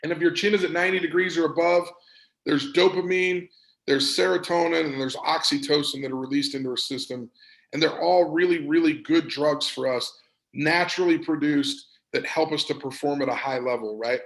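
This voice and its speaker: A man coaching an audience on performance in an energetic, emphatic presentation, repeating words for stress. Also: a little high, normal speed, reverberant, poor audio. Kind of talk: motivational presentation.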